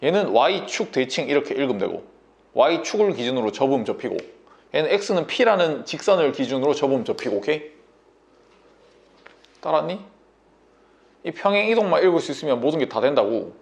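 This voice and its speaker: A man's voice: on the high side, sing-song, normal speed, creaky, pauses often. A man tutoring math at a whiteboard, talking bossy and casual and checking understanding constantly with a sore throat.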